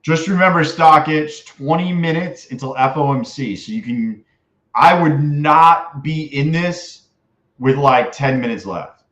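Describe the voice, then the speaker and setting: Man, frat bro manner, slangy excitable livestream chat, low-ish voice register neutral, roomy echo, dull mic. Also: unhurried. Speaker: livestream host, day trader. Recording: dull lo-fi mic in echoey room.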